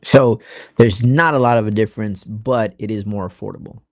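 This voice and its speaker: An American man speaks as a relaxed guest in a casual interview, easing into his questions. His voice is low and gravelly, and the room adds almost no echo. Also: moderate pace, studio quality. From United States. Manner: laughs easily, relaxed questioning.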